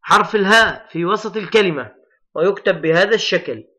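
A male primary school teacher gives a recorded reading lesson for young children. His voice sits high and rings bright, and he draws out each letter sound patiently and with emphasis. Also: brisk. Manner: addresses pupils as heroes, patient and encouraging.

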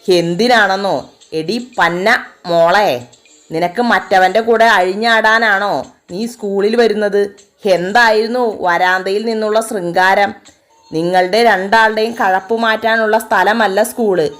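A woman reading the lines of a brutal, obsessive young man in a spoken storybook, slow and taunting. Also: medium pitch, steady tone, soft background music, natural voice. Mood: furious.

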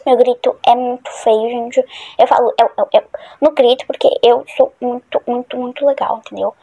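A gaming channel host plays a horror game and offers casual commentary, rambling and startling easily. Her voice is fairly high and dark-toned, with fairly even intonation at a normal speed.

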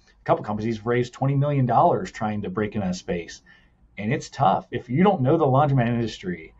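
An American man who owns laundromats explains his business in a casual interview, his mid-range voice warm with a breathy edge. He walks through it earnestly, step by step, often tossing in "like" and "right?". The audio sounds dull.

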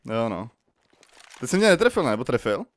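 A man hosting a gaming channel, chatting casually while he plays, laughing and sometimes shouting. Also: mid-range voice, sing-song. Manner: playful, laughing, bursts of shouting.

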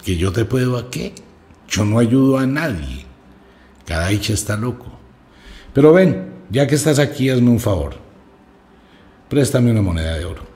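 A man's voice: mid-range voice, expressive, moderate pace, pauses often, dark tone, voice pushed up, natural voice. A man voicing a grumpy, aggressive little old male magician in a told story. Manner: gruff, snapping, scatterbrained.

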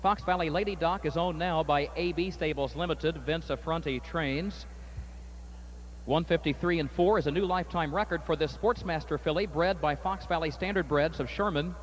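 A man announcing a harness race at an outdoor track, calling the field in a brisk, formal way. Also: fairly high pitch. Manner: rapid rising race call, steady formal post parade. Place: outdoor racetrack. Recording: faint outdoor noise.

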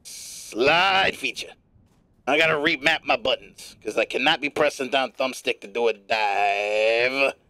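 A man streaming a game live, giving profane, rambling running commentary in a put-on gravelly smoker's rasp. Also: mid-range voice, unhurried, bright, forceful tone, dry recording.

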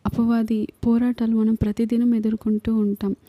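A woman's voice: fairly high pitch, level tone, moderate pace, mellow. A woman with a Telugu accent, preaching an earnest sermon full of repeated lists and rhetorical questions.

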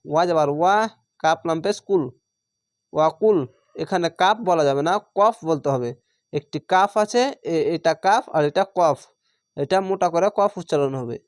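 A man's voice: a little high, normal speed, pauses often, dry recording, studio quality. A man teaching Quran recitation, spelling words out syllable by syllable with a Bangladeshi Bengali accent and drawing out the chanted words.

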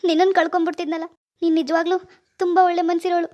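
A woman voicing a remorseful cartoon husband who begs his wife's forgiveness in a pleading, apologetic way. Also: racing. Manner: pleading, apologetic, flat pitch. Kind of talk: cartoon voice acting.

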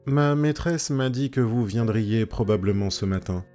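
A man's voice: medium pitch, moderate pace, dark tone, faint music behind, natural voice. A man voicing a sardonic old woman servant with a dry manner. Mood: matter-of-fact.

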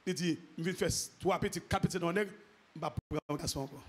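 A man preaching a sermon as pastor, repeating phrases and rising into shouted, half-sung exclamations. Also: on the high side, fast. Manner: repetitive, call-and-response phrasing.

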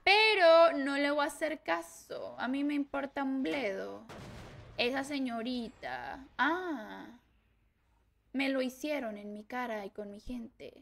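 A woman with a Mexican accent streaming a game live, excitable and swearing as she reacts to the play. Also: high-pitched, takes it slowly, vocal fry. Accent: Mexican Spanish. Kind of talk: live gameplay commentary.

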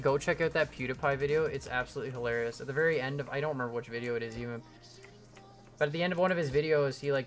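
A young man streams a game live from his home computer, chatting casually and rambling as he answers viewers while building. His voice sits at a medium pitch with a fairly bright tone.

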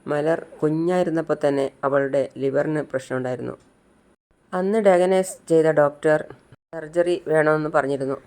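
A composed hospital doctor explaining a diagnosis in measured, reassuring tones, as a man puts him on. His voice is gravelly and flat in pitch, in a retold serial drama. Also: natural voice.

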